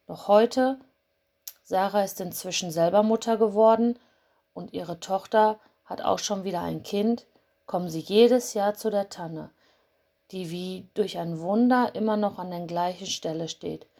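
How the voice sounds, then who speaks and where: A woman reading a children's Christmas story aloud in a calm, gentle way. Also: mid-range voice, unhurried. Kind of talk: storybook narration.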